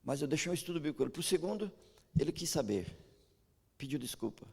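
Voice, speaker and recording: A man's voice: fairly high pitch, quick pace, gravelly, slightly rough. A Brazilian man preaching a sermon with a Brazilian Portuguese accent, telling personal stories and often stammering into restarts. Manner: storytelling, animated, frequent stammered restarts. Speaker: pastor. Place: large church hall. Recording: echoey church hall.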